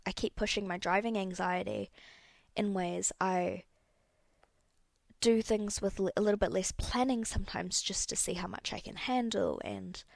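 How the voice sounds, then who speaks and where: A woman's voice: medium pitch, gravelly, no echo. A young woman hosting a solo podcast, talking candidly and rambling a little, correcting herself as she goes. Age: young adult. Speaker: podcast host. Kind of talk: casual solo podcast talk.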